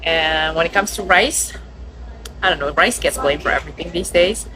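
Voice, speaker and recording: A woman from Indonesia, a restaurant owner chatting casually in an interview, lively and quick to laugh. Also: sits low, slight background noise, low-quality recording. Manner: lively, laughs often, acts out quoted customers.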